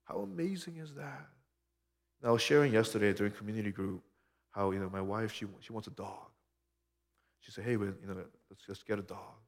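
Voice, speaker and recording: A man from Korea, around his thirties, giving a sermon as a pastor in an earnest, conversational way that often drops to a soft hush. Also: lowish voice, steady tone, fast. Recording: long hall reverb.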